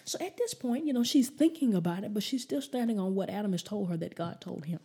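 A woman's voice: mid-range voice, expressive, fast, dark tone, slightly rough. A woman preacher giving a conversational, emphatic sermon, often repeating herself.

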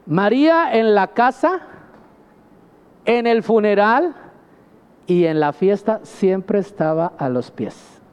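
A man's voice: high-pitched, expressive, slow, long pauses, clear, resonant tone, long reverb tail. A man preaching a sermon, speaking emphatically and often addressing his listeners as brother. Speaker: pastor.

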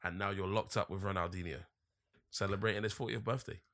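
A man's voice: fairly low pitch, quick pace. A young man with a London roadman accent and urban slang, bantering casually and swearing freely with a group. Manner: animated, sweary.

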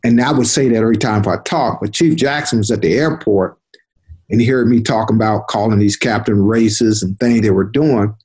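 An older man, a retired detective, telling stories from his career in an unhurried conversational way, often repeating words as he recalls. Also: on the low side, a little mellow, slightly rough. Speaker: interview guest, retired police detective. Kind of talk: conversational storytelling.

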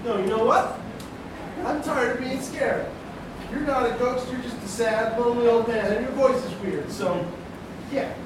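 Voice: mid-range voice, normal speed, lightly acted. An actor playing a nerdy, cowardly teenage boy with an anxious, dramatic manner in a comedy sketch. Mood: boastful. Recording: echoey, noisy, far from mic.

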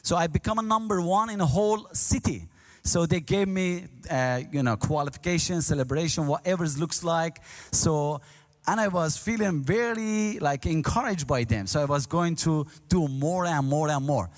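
A guest speaker at church, a man from Iran near the Turkish border whose first language is Azeri, gives his testimony and talk in a reverberant hall. His voice sits on the high side, and his halting, non-native English is earnest, growing animated as he tells his story.

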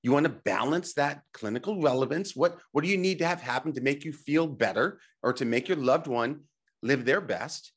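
Husky, animated man presenting like a coach. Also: on the high side, normal speed. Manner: emphatic, coaching, addresses listener with rhetorical questions and check-ins. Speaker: presenter and teacher on health technology. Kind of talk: motivational presentation with slides.

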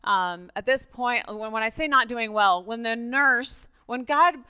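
A middle-aged native Spanish speaker from Mexico delivers a lively, conversational personal testimony as a guest at church, often pausing to check in with listeners. Her voice is a little high and smooth, and she doesn't hurry.

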